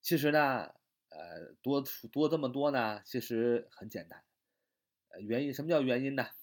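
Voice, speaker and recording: A man explains English grammar in Chinese in careful steps, stretching his fillers and going over points again. His voice sits in the mid range and sounds animated.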